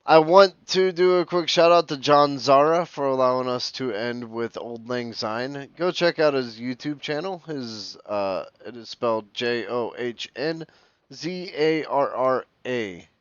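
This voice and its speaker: A man's voice: mid-range voice, a little slow, clean tone, no room sound. A man co-hosting a casual podcast, laid-back and giggly as he reads out plugs, on a slightly dull lo-fi mic with faint music behind. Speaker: podcast co-host.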